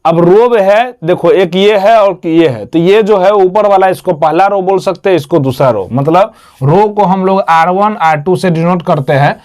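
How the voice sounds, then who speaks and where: A man's voice: sits high, normal speed, darkish tone. A man teaching a math lesson, repeating each term and asking and answering his own questions. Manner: repetitive, quizzes himself with questions and answers.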